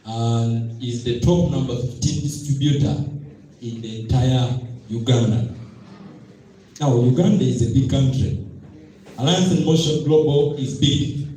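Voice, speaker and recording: A man emceeing a seminar, playful and teasing, shouting and repeating lines to rouse the audience. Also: medium pitch, a little hiss or hum. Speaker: event MC. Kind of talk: hyping up a seminar crowd. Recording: echoey hall, far from the mic, crowd.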